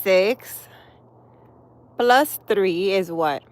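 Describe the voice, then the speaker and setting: A spiritual healer from the Dominican Republic hosts a relaxed live stream, chatting with viewers, laughing plenty, and slipping in Spanish. She draws out her words in a mid-range voice.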